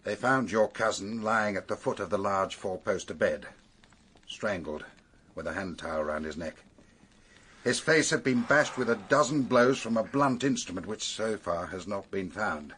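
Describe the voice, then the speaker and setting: In a British radio drama, an actor plays an authoritative, wry police superintendent who sets out facts in an orderly, emphatic way with a British accent. His male voice is fairly low and a bit bright, with lively intonation, and his mood is grave and measured as he explains. There is slight background noise.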